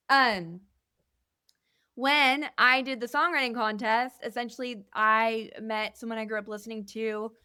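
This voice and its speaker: A woman's voice: a little high, slow pace, bright, forceful tone, clean tone, no echo, studio quality. A young adult woman talking as a guest musician in a casual podcast interview. She speaks candidly and earnestly, rambling with many fillers. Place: indoor podcast studio.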